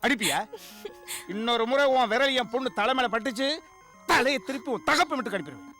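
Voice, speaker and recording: A loud, boastful village headman. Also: extremely high pitch, animated, fairly quick, soft background music, heavily acted. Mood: angry. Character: boastful village headman, doting father of a daughter. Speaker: village head and father. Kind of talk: Tamil film dialogue.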